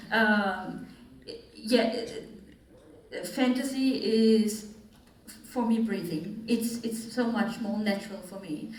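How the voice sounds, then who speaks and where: A woman's voice: mid-range voice, a little mellow, slight background noise. Woman, panel talk, laughing, candid, echoey, far from the mic. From Austria. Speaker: panelist author. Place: festival stage in a large hall. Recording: echoey hall, voice from afar.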